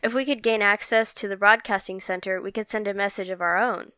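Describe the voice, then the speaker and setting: A woman's voice: mid-range voice, fairly even intonation, fairly quick, sharp tone, clear, resonant tone, no room sound, natural voice. A woman playing a bold, determined young female rebel who speaks confidently and persuasively. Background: music.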